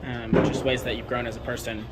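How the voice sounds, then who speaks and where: Male barn interviewer, clear background noise. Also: medium pitch, little pitch movement, a little fast. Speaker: host interviewer. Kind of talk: casual on-location interview. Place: inside a working barn. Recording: noisy barn with animal sounds. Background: animals and farm noise.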